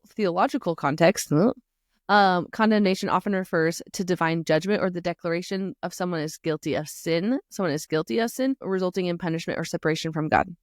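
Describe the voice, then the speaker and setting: Chatty woman with a low voice. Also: no room sound, studio quality. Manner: chatty and animated, lots of "like" and self-talk asides. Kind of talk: casual faith talk to moms.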